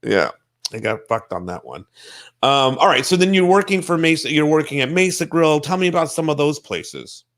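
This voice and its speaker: A man's voice: on the high side, lively intonation, moderate pace, a bit bright. A man hosting a casual interview, enthusiastic and swearing freely as he talks. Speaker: talk show host.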